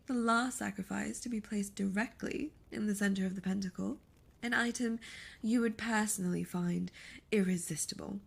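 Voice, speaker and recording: This ASMR roleplay features a woman as an imperious, seductive succubus who whispers breathily in formal, teasing, menacing language. She has a medium pitch with a darkish tone, and she comes across as haughty and pleased.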